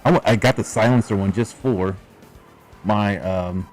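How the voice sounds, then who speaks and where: A man's voice: fairly low pitch, unhurried, darkish tone, soft background music. A man joining a casual toy livestream, upbeat and enthusiastic as he chats.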